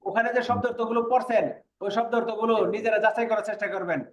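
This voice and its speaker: A man teaching an online language class, patiently repeating words slowly for his students. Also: high voice, fairly even intonation. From Bangladesh. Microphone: online class call audio. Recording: echoey, muffled, noisy online class audio.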